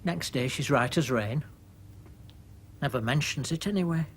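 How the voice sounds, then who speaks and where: A man's voice: fairly high pitch, normal speed, a little hiss or hum, close to an everyday voice. A middle-aged man, delivering a dry, prim dramatic monologue. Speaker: monologue narrator.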